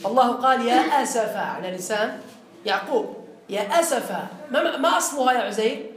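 A man's voice: extremely high pitch, fairly quick, fairly bright tone. A man teaching a classroom grammar lesson. He quizzes his students and repeats the key phrases. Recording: roomy classroom echo.

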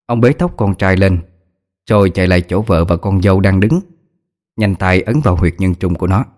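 A man narrating an audiobook ghost story in a steady, dramatic way. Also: low voice, normal speed.

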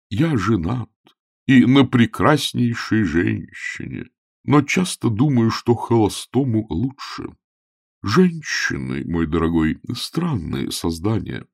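A man voicing a timid, fussy elderly bishop who speaks slowly and plaintively. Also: lowish voice, vocal fry, darkish tone, husky, dry recording, studio quality, full character voice. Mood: mournful. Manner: slow, plaintive and pleading.

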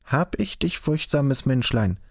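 A man voicing a sly, mocking middle-aged woman in an audiobook, teasing in a drawn-out, threatening way. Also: medium pitch, lively intonation, gravelly, slightly rough, dry recording, clean studio sound, pitched above the performer's own voice, exaggerated voice. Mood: menacing tease.

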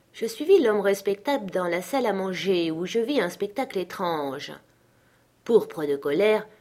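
A woman narrates a literary audiobook with measured, expressive pacing. Her voice is fairly low and has a husky, breathy grain. She tells the story in a steady reading tone.

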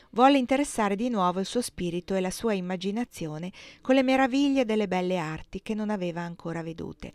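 A woman reading a classic novel aloud in a measured, literary way. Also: medium pitch, no room sound. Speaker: reader.

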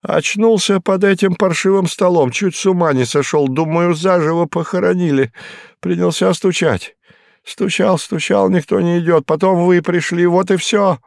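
A man voicing a frightened, beaten, surly hard-drinking man who talks in a hoarse, rasping voice and breaks into shouts. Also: high voice, normal speed, no echo, studio quality, voice pushed up. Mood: panicked. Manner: sullen, then bursting into shouts.

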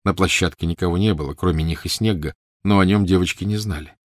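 Deep guy narrating an audiobook, calm, dry close mic. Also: fast, no room sound. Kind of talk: scripted narration.

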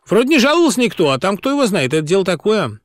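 A man's voice: on the high side, very animated, racing, no room sound, studio quality, pitched above the performer's own voice. A man voicing a young male chauffeur who cheerfully needles his boss with feigned innocence. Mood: teasing. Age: young adult.

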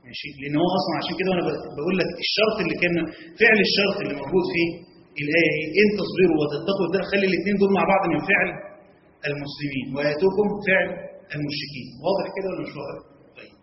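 A man's voice: a little high, rapid-fire, a little hiss or hum. A man with an Egyptian Arabic accent teaching a classroom lesson, constantly quizzing his students and checking they follow. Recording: echoey hall, dull lo-fi sound.

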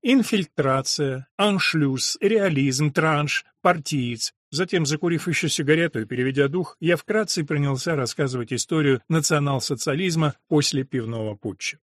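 A man narrates a literary audiobook with measured, even delivery. His voice sits somewhat high for a man. The sound is close and dry, with no room echo.

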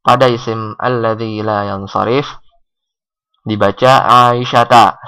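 A man teaching Arabic grammar, asking questions and answering them himself, with drawn-out example readings. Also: medium pitch, pushed and bright, low-quality recording. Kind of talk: recorded grammar lesson.

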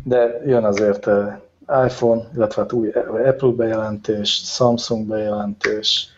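A man's voice: on the low side, level tone, a little mellow, a little hiss or hum. A man hosting a podcast, leading the conversation in a wry, teasing, casual way. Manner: leads the talk, wry and teasing. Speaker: podcast host. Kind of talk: casual chat. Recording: dull lo-fi recording.

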